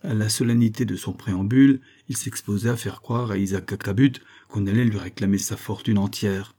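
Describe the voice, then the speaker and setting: A man narrating a classic novel in a measured, even reading. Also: lowish voice, slightly rough. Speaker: audiobook narrator.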